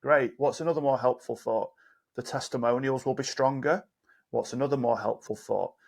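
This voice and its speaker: Gravelly-voiced man telling coaching stories. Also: mid-range voice, normal speed. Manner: animated storyteller, acts out dialogue. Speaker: podcast guest, coach. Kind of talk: casual podcast conversation.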